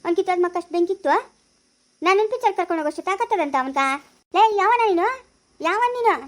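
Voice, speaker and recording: A woman's voice: very high-pitched, fast talker. A woman playing a distraught village wife who wails and laments, with a Chikkaballapura Kannada accent. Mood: indignant. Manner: wailing, lamenting.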